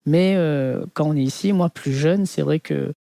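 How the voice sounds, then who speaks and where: A man from France with a Parisian French accent, in his thirties, telling his life story in an interview and pausing often on fillers. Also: on the high side, vocal fry, dark tone, dry recording. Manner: hesitant, many fillers like "on va dire". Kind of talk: reflective personal testimony.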